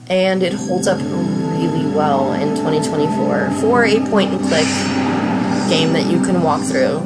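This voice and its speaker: Woman in her 30s, let's play host, casual game commentary, chatty, relaxed, slow pace, lowish voice. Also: poor audio.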